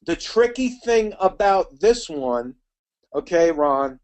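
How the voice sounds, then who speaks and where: Middle-aged male webinar instructor, slightly high voice, rapid and chatty. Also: sing-song. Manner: quick, chatty, addresses attendees by name. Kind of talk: live webinar teaching.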